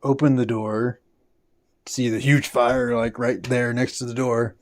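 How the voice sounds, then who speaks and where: A man's voice: mid-range voice, flat delivery, unhurried. A man vlogging, telling a rambling story in casual talk and swearing often.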